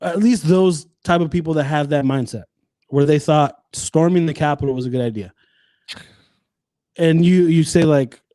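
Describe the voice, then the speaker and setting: A man's voice: fairly high pitch, normal speed, mellow, no room sound. A man in his twenties, a podcast guest in casual chat, rambling with many restarts and swearing freely. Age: 20s.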